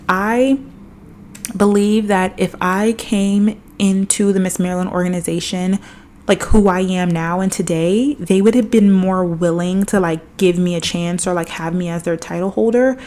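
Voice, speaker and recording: Chatty young woman podcaster, lowish voice. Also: darkish tone. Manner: chatty, reflective, heavy use of "like". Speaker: podcast host. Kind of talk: casual solo podcast storytelling.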